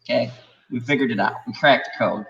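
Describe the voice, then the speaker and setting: Bright-voiced man in empty-warehouse echo. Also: medium pitch, fairly quick, highs cut off. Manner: sarcastic, teasing, sweary. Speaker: host of a live reaction stream. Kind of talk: casual joking live-stream commentary. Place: echoey, empty-sounding room. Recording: echo like an empty warehouse, clear background noise.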